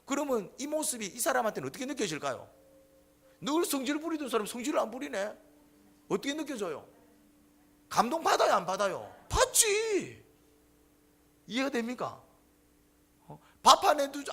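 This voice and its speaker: A man preaching a sermon, putting questions to the congregation and answering them himself, swinging between loud and soft. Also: high-pitched, creaky. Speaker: pastor.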